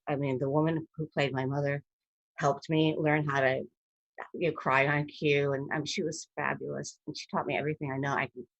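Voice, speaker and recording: A low, husky woman in her fifties chats over a video call, restarting her sentences as she tells her stories. Her voice sits in a dry, close sound with almost no room around it. She talks with lively, tumbling energy. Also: no room sound, lo-fi sound. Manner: rambling, self-interrupting, animated anecdotes. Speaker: actress, interview guest. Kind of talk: casual storytelling interview.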